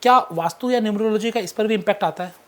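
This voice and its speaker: A man's voice: high-pitched, quick pace. A man hosting a casual podcast interview, asking short questions in a playful way. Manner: playful, laughs often, asks short questions. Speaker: podcast host.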